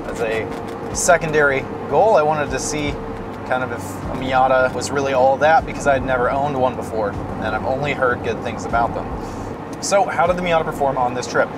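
A man casually reviewing a car in a vlog, thoughtful and measured. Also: medium pitch, heavy background noise. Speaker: road trip vlogger.

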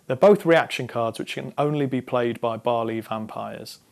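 A young man in his twenties presenting a scripted explainer on card game strategy, talking straight to camera in a measured, instructive way. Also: medium pitch, gravelly, a little mellow. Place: studio against a dark backdrop.

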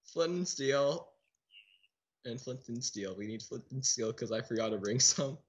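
A man's voice: medium pitch, fairly even intonation, brisk. A man giving casual let's play commentary, chatting in a restless way with a teammate who cannot be heard. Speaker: gaming channel host.

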